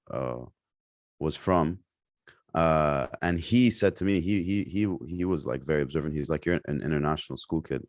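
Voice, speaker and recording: Podcast guest: young man from Lebanon, very low voice, loose chatty delivery full of fillers. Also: a little mellow, dry recording, studio quality. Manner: rambling, many fillers and restarts. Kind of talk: casual interview chat.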